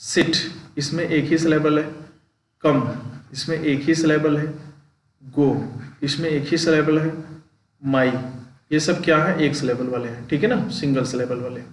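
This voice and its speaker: Male teacher, slow patient exam-prep lesson, distant mic. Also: on the high side, steady tone. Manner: slow, repeats terms and checks understanding. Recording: echoey room, voice off-mic.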